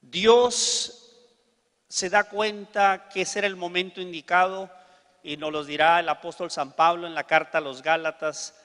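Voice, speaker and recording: Male preacher, high voice, lively storyteller, hall echo. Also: unhurried. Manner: animated storyteller acting out dialogue. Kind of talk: storytelling sermon.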